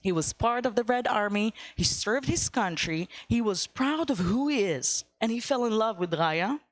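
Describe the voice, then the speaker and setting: A woman's voice: on the high side, animated, normal speed, no room sound. A young woman from Ukraine, giving a casual guest talk to a church class with lots of fillers and upbeat asides. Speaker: guest speaker.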